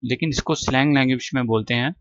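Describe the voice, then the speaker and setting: A man's voice: mid-range voice, steady tone, quick pace, no room sound, highs cut off. A male teacher giving a patient vocabulary lesson, repeating words and drilling their pronunciation. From Pakistan. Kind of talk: classroom lesson explaining vocabulary.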